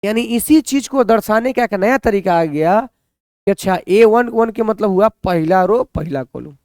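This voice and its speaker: A man's voice: sits high, lively intonation, measured pace, darkish tone, dry recording, clean studio sound. A man teaching a maths lesson, who keeps asking the students questions and answering them himself.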